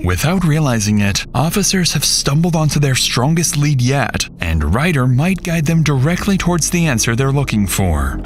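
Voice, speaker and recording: A man's voice: mid-range voice, sing-song, normal speed, few pauses, noisy background. Man narrating true crime, swooping intonation. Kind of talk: scripted documentary narration.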